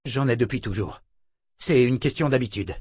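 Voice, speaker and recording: A man's voice: medium pitch, normal speed, a little mellow, slightly rough, no echo, studio quality, natural voice. A man voicing a blunt, defiant young swordsman in a storybook reading, curt and guarded.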